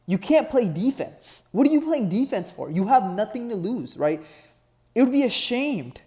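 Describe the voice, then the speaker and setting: A man's voice: high-pitched, very animated, moderate pace, dark tone. A young man from Nepal, an online fitness business coach, giving a motivational talk and tagging nearly every sentence with "right?". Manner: earnest, repeats "right?" constantly, builds to emphatic peaks.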